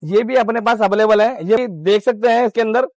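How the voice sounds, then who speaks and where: A man with a high voice gives a steady walkthrough of car accessories, explaining each option in a practical sales manner. The sound is dry and close, with almost no room echo. He talks like a fitter showing his work. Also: fairly quick. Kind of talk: product walkthrough.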